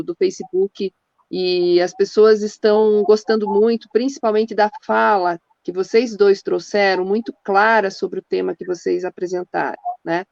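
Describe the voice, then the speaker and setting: A woman's voice: medium pitch, vocal fry, a little mellow, no room sound, highs cut off. A woman moderator on a video call, politely and hurriedly wrapping up a panel. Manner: polite, apologetic, hurried wrap-up.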